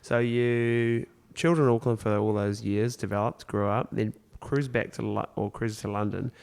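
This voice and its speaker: A man's voice: lowish voice, fairly even intonation, normal speed, vocal fry, darkish tone, smooth. A man with a New Zealand accent hosts a casual podcast interview in a shop, talking loosely with local slang. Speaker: podcast host.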